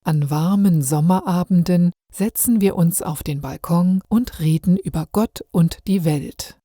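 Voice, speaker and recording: A woman narrating a first-person story for learners, calm and warm. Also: fairly low pitch, unhurried, no room sound, studio quality.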